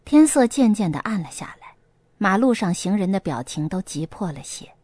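A woman narrating a novel aloud in an expressive storytelling manner. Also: medium pitch, moderate pace, dry recording. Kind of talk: audiobook narration with acted dialogue.

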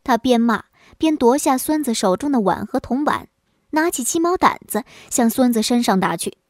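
High-pitched female storyteller, lively, dry close sound. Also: normal speed, dry recording. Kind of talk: scripted narration of a folk joke story.

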